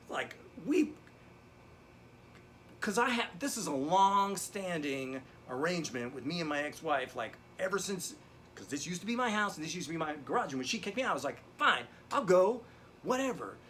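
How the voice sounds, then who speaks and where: A man's voice: fairly high pitch, animated, normal speed, long pauses, fairly bright tone, slight background noise. A man playing a rambling, profane drum teacher. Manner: rambling, digressive, profane storytelling. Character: rambling, down-on-his-luck male drum teacher, middle-aged. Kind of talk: comedic character monologue. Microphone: video call lesson.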